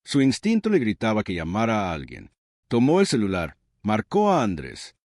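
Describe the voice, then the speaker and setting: A man's voice: on the low side, wildly swooping pitch, normal speed, darkish tone, dry recording, studio quality. A man reading a dramatic story as narrator, with suspenseful delivery.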